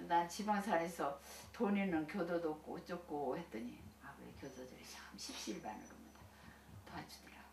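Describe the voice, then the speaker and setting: A woman's voice: deep voice, normal speed. An older woman, a senior Buddhist minister, telling stories from her life in a folksy, chatty way with frequent laughter. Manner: folksy and chatty, laughs often, many restarts. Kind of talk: recounting life experiences to listeners. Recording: echoey room, distant mic, faint hiss.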